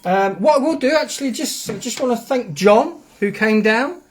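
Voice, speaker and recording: A man's voice: very high voice, animated, normal speed. A man with a Geordie accent hosting a live stream, rambling casually as he explains things step by step. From England. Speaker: host. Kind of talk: live stream demo and chat.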